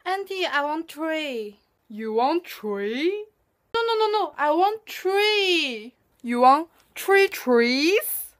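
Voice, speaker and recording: A woman's voice: extremely high pitch, slow, a bit bright, pitched above the performer's own voice, heavily acted. A woman acting out pushy, exasperated Singaporean locals in comic skits, speaking exclamatory Singlish with a Singaporean accent. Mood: insistent. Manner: Singlish, exclamatory with lah and leh particles. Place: cluttered room indoors.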